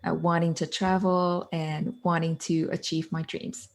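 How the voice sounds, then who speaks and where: A native French speaker from Quebec in her thirties, an author and coach, earnestly tells her story as an interview guest in a conversational exchange. She has a Quebec French accent and a low, level voice at a measured pace, chaining thoughts together with "so" and "like."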